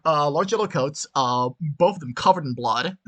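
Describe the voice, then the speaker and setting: A man narrating a tabletop game as its game master in a bright, forceful voice that sits a little high. He rambles along, stacking up fillers and restarting his sentences. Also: expressive, normal speed.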